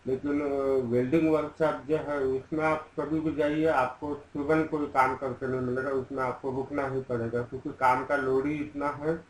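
Male voice-over narrator, chatty explainer, monotone delivery, echoey room. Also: mid-range voice, slight background noise. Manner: conversational, with fillers and restarts. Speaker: business video narrator.

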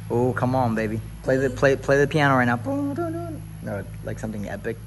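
Very animated and fairly quick, a medium-pitched man tours an empty new house for viewers in casual vlog style. He then preaches in an upbeat, hyped way on its covered back patio, and a little hiss or hum runs under the audio.

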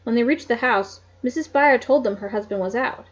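A woman reads a mystery novel aloud in an easygoing way, now and then stumbling and restarting a word. Her voice is breathy and husky and sits a little high. The lo-fi recording sounds muffled and dull. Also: brisk. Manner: reads with small slips and restarts, asides. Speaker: reader. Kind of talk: casual read-aloud of a novel.

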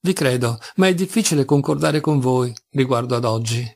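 An indignant young officer snaps his replies across a dueling ground, voiced by a male reader. The voice is gravelly and curt, sitting a little higher than the narration. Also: expressive, normal speed, a little mellow. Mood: irritated. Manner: curt, irritated.

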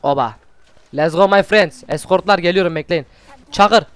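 Excitable high-voiced man doing gaming commentary. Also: moderate pace, clear, resonant tone. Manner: excitable, swearing, coaxing his wolf. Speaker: gaming channel host. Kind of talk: let's play commentary.

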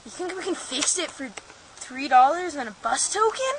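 A teenage boy yelling in mock panic while goofing around on a home video. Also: extremely high pitch, big pitch swings, moderate pace, far from the mic. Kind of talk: goofy home video play-acting. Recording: loud noisy home camcorder audio, off-mic.

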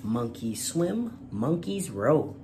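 A man with a mid-range voice and big swings in pitch speaks slowly over a noisy background. He hosts a children's storytime, courteously presenting, reading aloud, and chatting about the channel.

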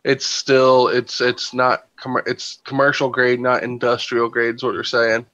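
A man's voice: medium pitch, completely flat delivery, unhurried, sharp tone, no room sound. A man chatting casually and explaining things over a video call. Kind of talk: casual chat. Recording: dull lo-fi video-call audio.

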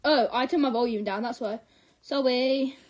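A woman's voice: on the high side, moderate pace, a little mellow. A young woman chatting casually with a friend on a live stream, playful, laughing in bursts and breaking into song.

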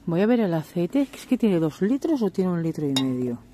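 Her voice is lowish, mellow and sing-song, moving fairly quickly as she vlogs her supermarket shopping on a handheld camera. She keeps up a casual chatter, exclaiming at items and prices over the noisy store background.

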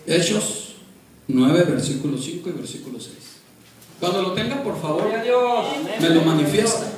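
A man's voice: on the high side, lively intonation, normal speed, crowd noise. Male pastor, impassioned sermon, heard from across an echoey church. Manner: impassioned preaching, addresses congregation directly. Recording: echoey church hall, far from mic.

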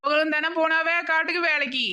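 A woman's voice: sits high, steady tone, fast talker, bright, forceful tone, lo-fi sound. A woman voicing a resentful young daughter-in-law who mutters about her mother-in-law, with a southern Tamil accent. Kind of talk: cartoon voice acting.

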